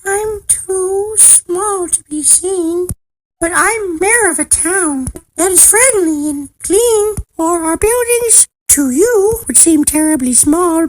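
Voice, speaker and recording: A woman voicing a tiny, polite, earnest male mayor of a miniature creature town, in a small piping voice with halting repeats, for a storybook. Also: very high voice, voice pushed up, heavily acted, rough recording.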